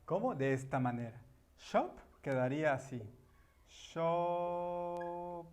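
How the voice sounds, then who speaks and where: Male teacher, slightly high voice, unhurried; explains grammar step by step, repeats key words. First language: Spanish. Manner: patient, repeats key words, many "ujú" and "ajá" fillers. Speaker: English teacher.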